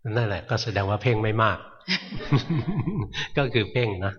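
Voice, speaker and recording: An older male Buddhist monk guiding a student in a dharma question session, calm and plain, checking with short questions. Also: fairly low pitch, quick pace. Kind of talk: dharma Q&A guidance. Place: temple hall. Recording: dull lo-fi recording.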